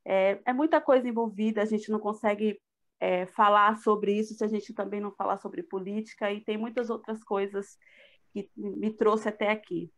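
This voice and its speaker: Her mid-range voice steady and her pace moderate, a middle-aged Brazilian guest speaker gives a live personal testimony. She is earnest and reflective, with frequent filler words.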